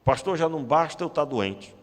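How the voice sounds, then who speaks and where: A grumbling, self-pitying male churchgoer with a Brazilian Portuguese accent, as a pastor imitates him. He whines in a slightly lowered voice, and a long church-hall reverb follows every complaint. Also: animated, normal speed, close to an everyday voice. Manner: whiny, complaining.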